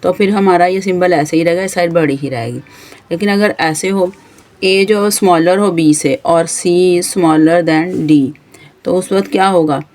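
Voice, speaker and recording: A woman's voice: fairly low pitch, measured pace, darkish tone. A woman with a Pakistani Urdu accent teaching a math lesson, patiently explaining each step and pointing at the board as she goes. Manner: patient, stepwise explanation with frequent pointing words.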